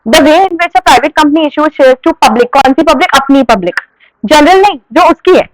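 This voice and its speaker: A woman's voice: high-pitched, animated, a little slow, faint music behind, low-quality recording. A young woman teaching a commerce class. She asks questions and answers them herself, and she firmly scolds students who disrupt the lesson. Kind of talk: classroom lecture.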